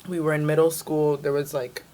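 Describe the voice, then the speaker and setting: A woman's voice: low voice, level tone, fairly quick, warm tone. A young woman from the Dominican Republic, raised in New York City, talking casually as an interview guest with lots of "like" fillers. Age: young adult. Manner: chatty, many "like" fillers.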